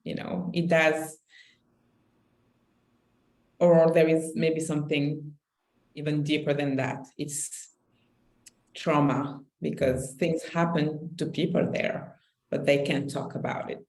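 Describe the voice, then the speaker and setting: A woman from Senegal, co-hosting a podcast, talking candidly and reflectively in relaxed conversation, often restarting her phrases. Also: sits low, slow, long pauses, rough recording. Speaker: podcast co-host.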